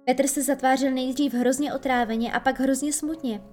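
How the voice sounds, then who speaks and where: A woman reads a children's audiobook in a gentle, storytelling way. Her voice sits fairly high, and soft music plays faintly underneath. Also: steady tone. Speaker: narrator.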